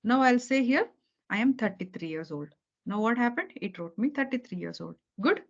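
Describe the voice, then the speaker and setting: Through dull lo-fi call audio, a woman with a fairly high, expressive voice teaches beginner programming at a moderate pace. She patiently repeats the key points and, after nearly every sentence, checks that she's understood with "okay" or "right."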